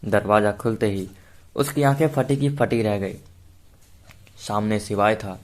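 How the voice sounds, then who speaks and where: A man narrating a romantic suspense story in a steady manner. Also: fairly low pitch, unhurried.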